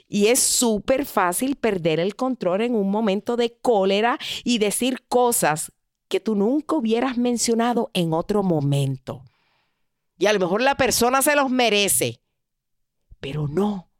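A woman giving relationship advice through an animated story, acting out the voices of the people in it. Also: mid-range voice, no echo, clean studio sound. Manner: animated, acts out quoted voices.

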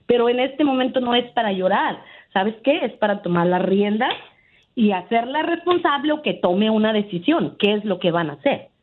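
A woman's voice: a little high, expressive, moderate pace. A woman calling a radio show who tells a family story at length, chatty and often asking "¿verdad?". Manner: chatty, keeps saying "¿verdad?". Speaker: radio caller. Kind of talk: phone-in storytelling. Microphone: telephone. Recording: tinny phone line.

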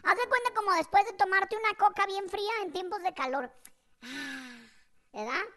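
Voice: very high voice, brisk, sharp tone, a little hiss or hum. A podcast host with a Mexican accent telling a comic story in a chatty way, often asking ¿verdad?.

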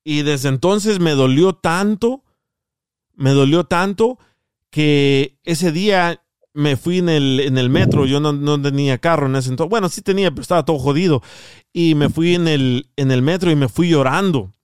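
A man hosting a podcast, telling stories in a lively way and repeating words for emphasis. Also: on the high side, normal speed, clean tone, no room sound, studio quality. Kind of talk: casual storytelling chat.

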